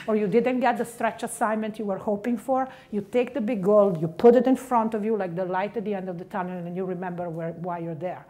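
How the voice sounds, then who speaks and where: Here a middle-aged Italian woman, her accent clear, gives a punchy, no-nonsense career pep talk and leans on the important words. She has a dark tone in the middle of the pitch range.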